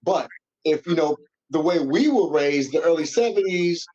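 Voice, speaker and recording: A man's voice: on the high side, expressive, moderate pace, a little mellow, lo-fi sound. Emphatic man in his fifties co-hosting. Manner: emphatic, street slang, repeats himself for weight. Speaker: podcast co-host. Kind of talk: casual podcast chat.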